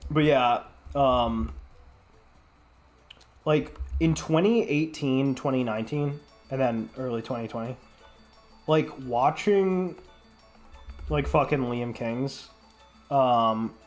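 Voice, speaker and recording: A man's voice: mid-range voice, slow, long pauses, faint music behind. Sick young man rambling casually. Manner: rambling, heavy filler words, profane. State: sick, congested. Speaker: streamer. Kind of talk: casual rambling stream chat.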